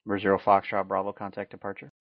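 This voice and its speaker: A man's voice: lowish voice, monotone, rapid-fire, no room sound. A man working as an air traffic controller, giving clipped, procedural radio instructions. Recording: dull, lo-fi radio sound.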